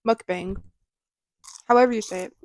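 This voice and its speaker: Young Midwestern woman, higher voice, chatty podcast storyteller, dry close sound. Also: expressive, a little fast, dry recording. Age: young adult. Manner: chatty storyteller, playful asides. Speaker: podcast co-host. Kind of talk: casual chat.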